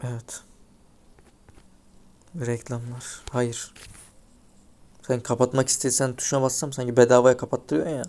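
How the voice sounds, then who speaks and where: A man's voice: medium pitch, little pitch movement, normal speed, long pauses. A man giving casual gameplay commentary, chatting to viewers and grumbling as he plays. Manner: chatty, grumbling, talks to viewers while playing. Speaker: gaming YouTuber. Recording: loud car game sound behind voice. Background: racing game engine and tire noise.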